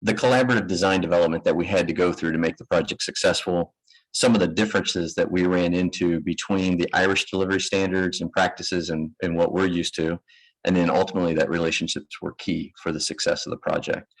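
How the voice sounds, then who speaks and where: A man from Kentucky with a Kentucky accent giving a presentation to an audience, relaxed and self-deprecating. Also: low voice, fast talker, poor audio. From Kentucky, United States. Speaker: guest presenter. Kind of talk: conference presentation. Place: lecture room with live audience.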